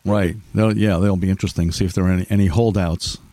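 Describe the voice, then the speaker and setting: A man's voice: low-pitched, steady tone, quick pace, mellow, no echo. A man hosting a casual radio talk show, laughing often and tossing in short reactions.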